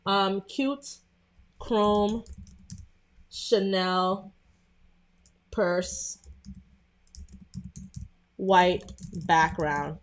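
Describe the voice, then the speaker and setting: Very slowly and with frequent pauses, a young woman with a Brooklyn accent, from Brooklyn, New York, welcomes viewers to her casual live design tutorial. Her mid-range voice carries a chatty, filler-heavy style.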